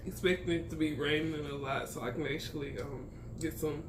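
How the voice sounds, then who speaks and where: A man's voice: a little high, steady tone, a little fast. Man chatting while eating crunchy chips, roomy noisy recording. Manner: eating sandwich and crunchy chips between remarks. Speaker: mukbang video host. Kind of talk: casual rambling chat while eating. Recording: roomy, distant mic, clearly noisy.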